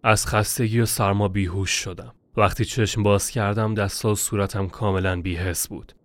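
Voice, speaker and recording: A man narrating a scripted first-person story, measured and tense. His voice is very low, and the recording is dry and close. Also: dry recording.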